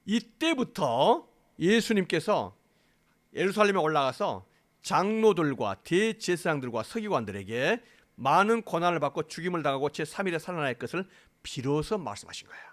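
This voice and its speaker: A man preaching a sermon to his congregation as pastor, speaking emphatically, asking them questions and acting out quotes. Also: a little high. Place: church sanctuary.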